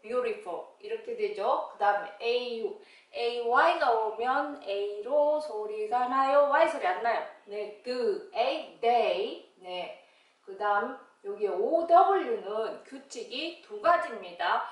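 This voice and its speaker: A woman with a slightly high voice teaches phonics at a very slow pace, stretching each sound apart syllable by syllable. She sounds a little far from the mic in a very echoey room. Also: expressive. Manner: drawn-out, syllable-by-syllable sounding out of words. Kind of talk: slow instructional phonics lesson.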